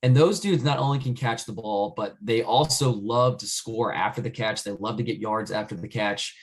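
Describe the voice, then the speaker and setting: A man's voice: fairly low pitch, normal speed. A man co-hosting a fan podcast, chatting about football in a loose, rambling way with lots of restarts. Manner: rambling, many restarts and "I mean". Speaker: podcast co-host. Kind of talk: casual sports chat.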